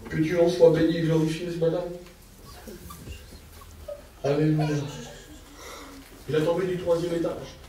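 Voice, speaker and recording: A man's voice: fairly high pitch, flat delivery, unhurried, pauses often, warm tone, slight background noise. A man preaching a heartfelt testimony sermon at a church service, with a stammer and simple, fervent speech. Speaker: lay preacher. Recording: distant echoey church hall sound.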